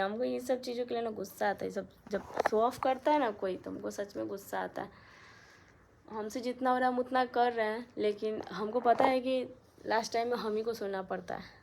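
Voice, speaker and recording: A young woman chats on her phone camera in a small room at home, speaking straight to her viewers in a casual, aggrieved way. Her voice sits at an ordinary pitch for a woman. A faint hum of room noise is heard behind her. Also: vocal fry. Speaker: vlogger. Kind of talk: casual vlog chat to viewers. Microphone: phone camera held close.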